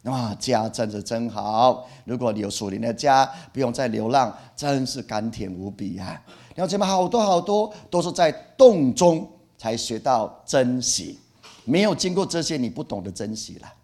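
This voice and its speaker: A middle-aged male pastor preaching in a mid-pitched voice. He is animated and expressive, repeating key phrases for emphasis and voicing feelings through exclamations. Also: normal speed. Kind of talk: sermon.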